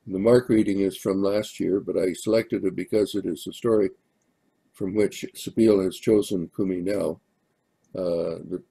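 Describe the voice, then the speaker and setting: An older minister giving church announcements in a hesitant way, with many pauses and fillers. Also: male voice, sits low, gravelly, dark tone, slightly rough. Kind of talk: sermon announcements.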